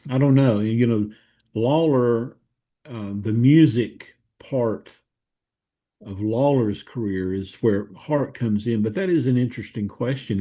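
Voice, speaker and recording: A man from Tennessee with a Southern accent, a guest historian recalling details thoughtfully in a conversational interview, pausing to search for words. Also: mid-range voice, mellow, breathy edge, highs cut off.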